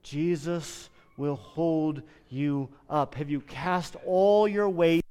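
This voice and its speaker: A male pastor preaching a sermon in a church, conversational, with dramatic pauses and swelling emphasis. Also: on the high side, warm tone, clean tone. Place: church sanctuary. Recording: long reverb of a church hall.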